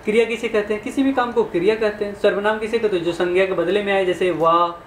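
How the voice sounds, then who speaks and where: A man's voice: high-pitched, fairly even intonation, quick pace. A man, teaching exam questions in a conversational way and asking his listeners questions. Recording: echoey room, faint background noise.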